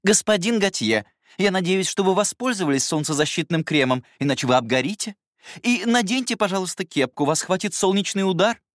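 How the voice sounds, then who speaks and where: A man's voice: sits high, animated, fairly quick, fairly bright tone, no room sound, clean studio sound, pitched above the performer's own voice. A man voicing a prim, strict woman housekeeper who talks in a formal, reproachful, fussy way. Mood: fussy scolding.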